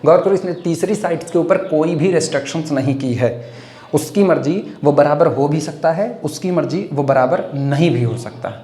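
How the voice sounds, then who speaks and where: A man teaching math in a lecture, slowly dictating formulas word by word and explaining with homely comparisons. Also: fairly high pitch, mellow, reverberant. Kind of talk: classroom lecture, dictating notes.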